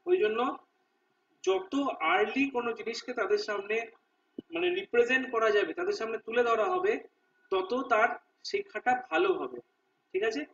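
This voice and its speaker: Brief: male tutor, very high bright voice, distant lo-fi recording, explains multiple-choice answers. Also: gravelly. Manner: reads English options slowly, explains in Bengali with repeated "ঠিক আছে?". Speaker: exam prep teacher. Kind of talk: Bengali lesson walking through multiple-choice questions.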